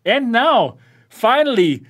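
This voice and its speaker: A man with a notably high speaking voice hosts a relaxed tech chat. He keeps breaking into laughter between points, and the talk stays loose and conversational. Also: takes it slowly. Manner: laughs often while talking. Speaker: host of a VR channel. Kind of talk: casual podcast chat.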